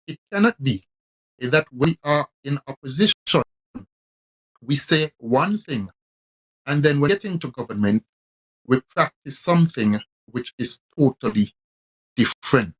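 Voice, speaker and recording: A man's voice: mid-range voice, expressive, slightly rough, rough recording. A man, a politician, explaining formally over an online call whose audio keeps breaking up. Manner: measured, formal explaining with "eh" fillers. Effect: choppy, breaking-up online call audio. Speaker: politician guest. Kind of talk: live online interview answer. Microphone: video call.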